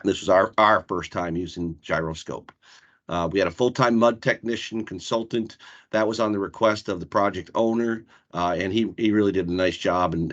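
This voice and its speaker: A man's voice: low voice, highs cut off. A man presenting a construction project in a work meeting over a video call, talking casually with frequent fillers. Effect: heard over a video call.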